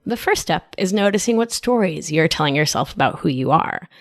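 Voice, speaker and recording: This woman's voice sits on the low side and moves a little fast, captured in a dry, studio-quality recording. She has an Argentine accent and hosts a scripted solo life-coaching podcast in New York, sounding lively, playful and affectionate as she strays into asides.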